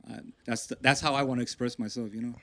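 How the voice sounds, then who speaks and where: A man's voice: mid-range voice, steady tone, fast talker, bright, forceful tone, no room sound. A young man casually telling stories in slang, often checking in with "you know". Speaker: rapper being interviewed. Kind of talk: casual storytelling.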